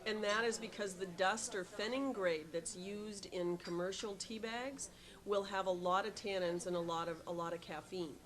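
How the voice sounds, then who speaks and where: A woman's voice: medium pitch, steady tone, moderate pace, a bit bright. A middle-aged woman who runs a tea shop, answering interview questions with many ums and restarts and an eager tone.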